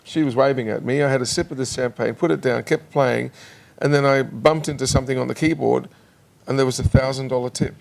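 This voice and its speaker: A man, a singer and actor guest chatting on a TV couch, halting and restarting often. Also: medium pitch, steady tone, gravelly, a little mellow. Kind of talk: casual interview chat. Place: television studio.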